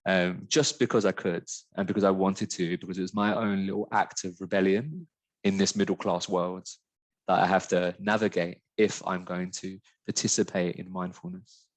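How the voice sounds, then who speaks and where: A very low-pitched man from the UK muses aloud as a mindfulness teacher in a webinar. He talks in a searching, earnest way, full of "like" and "um" and restarts. The sound is close and dry, with no room around it. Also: fairly even intonation, moderate pace, dry recording. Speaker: mindfulness teacher, company founder. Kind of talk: reflective webinar conversation.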